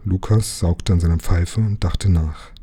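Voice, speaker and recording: Man reading a children's story aloud, low-pitched and husky, even storyteller delivery. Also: measured pace. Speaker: reader.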